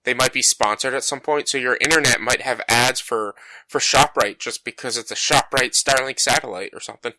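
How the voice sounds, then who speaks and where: A bassy-voiced man co-hosts a casual gaming podcast, talking briskly in a bright, forceful tone. He rambles and puts himself down with plenty of fillers, and his home podcast mic yields a dry, rough recording.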